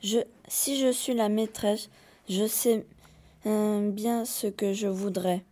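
A woman's voice: mid-range voice, fairly even intonation, slow pace, warm tone. A woman reading the part of an impulsive peasant wife in a fairy tale, plainly, with small hesitations. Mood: wishful. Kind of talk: read-aloud fairy tale dialogue.

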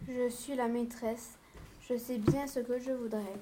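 A woman's voice: on the high side, fairly even intonation, a little slow, natural voice. A woman reading a fairy tale aloud and voicing a vain, eager peasant wife with a dramatic manner. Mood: longing. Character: poor peasant wife, vain and quick-wishing. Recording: noisy home recording with clicks.

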